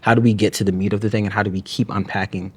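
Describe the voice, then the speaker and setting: Deep-voiced man, halting reflective talk. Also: little pitch movement, slightly rough. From New York, USA. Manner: halting, frequent restarts, peppered with "you know what I'm saying". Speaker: guest, author and poet.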